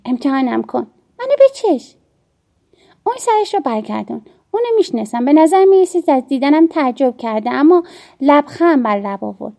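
A woman narrating an audiobook in a measured storytelling manner with soft, hushed dips. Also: high voice, expressive, gravelly.

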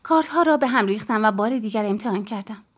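Female audiobook narrator, first person, calm and measured, slightly high voice.

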